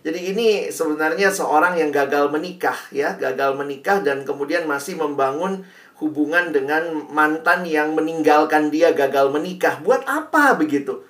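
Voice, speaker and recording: Lively man speaking from far off. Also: fairly high pitch, normal speed. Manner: lively, slips English phrases into his talk. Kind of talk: speaking to a group. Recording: echoey, mic far away.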